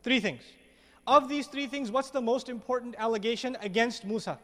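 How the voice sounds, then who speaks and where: A man's voice: very high-pitched, normal speed, a bit bright, in a large hall. A man giving a Quran commentary lecture, asking the audience rhetorical questions and repeating words as he searches for them. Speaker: religious lecturer.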